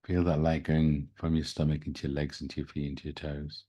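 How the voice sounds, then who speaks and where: A man speaking as a spiritual host, leading a guided meditation in a gentle, soothing, unhurried manner. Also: a bass voice, little pitch movement, breathy edge, lo-fi sound. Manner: slow, soothing, gentle delivery. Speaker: podcast host and spiritual reader.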